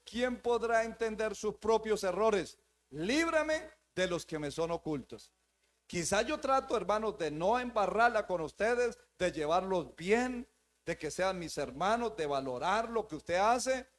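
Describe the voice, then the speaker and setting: A man preaching a sermon to his congregation as pastor, emphatic and repetitive, calling them brothers. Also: sits high. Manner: emphatic, repeats phrases, addresses the congregation as brothers. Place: church, before a live congregation.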